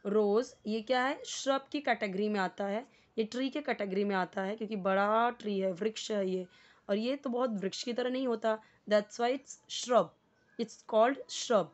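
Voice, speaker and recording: An Indian woman teaching a beginner's English lesson, mixing Hindi and English, reading English slowly and explaining each word. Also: mid-range voice, muffled recording. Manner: slow, deliberate when reading English, quicker in Hindi explanations; explains word by word, repeating for learners.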